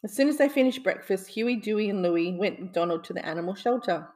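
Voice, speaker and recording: A woman reading a children's bedtime story aloud. Her delivery is gentle and soothing, the calm pace of a storyteller settling listeners for sleep. Her pitch sits in an ordinary middle range. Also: quick pace.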